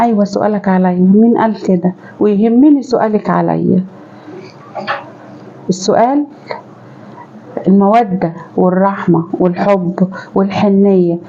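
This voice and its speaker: A woman's voice: mid-range voice, moderate pace, creaky, phone-quality sound, a little hiss or hum. A woman with an Egyptian accent, a mother talking to her viewers in a chatty, affectionate way while she cooks in her home kitchen. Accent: Egyptian Arabic. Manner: chatty, affectionate, keeps addressing viewers fondly. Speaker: home cooking vlogger and mother. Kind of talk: chatty cooking vlog talk to viewers.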